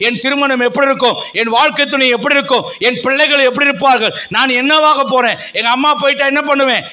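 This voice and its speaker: A man's voice: very high voice, bright, forceful tone. A middle-aged male pastor preaching a fervent sermon in a church, with repeated calls and rising emphasis. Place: church sanctuary.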